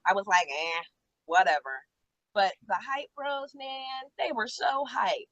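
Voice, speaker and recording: A chatty, animated woman talks wrestling in a relaxed, casual way, laughing easily. The sound is dry and close, with no room around it, but dull and lo-fi. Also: high-pitched, measured pace, no room sound. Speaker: co-host. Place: outdoors out back.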